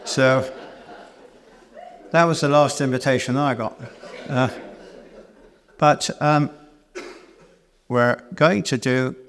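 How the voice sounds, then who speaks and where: A man's voice: mid-range voice, steady tone, slow, long pauses, fairly bright tone. Man telling a rambling stage anecdote. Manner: rambling and self-deprecating, with many restarts. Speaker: cabaret storyteller and singer. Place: church hall, live performance.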